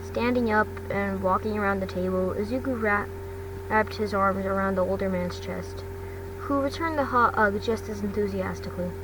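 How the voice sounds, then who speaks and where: Reading fan fiction for her podcast, this woman speaks at a moderate pace in a mid-range voice. Her amateur storybook delivery often stumbles and repeats words, and the home recording is noisy, with the mic set far away.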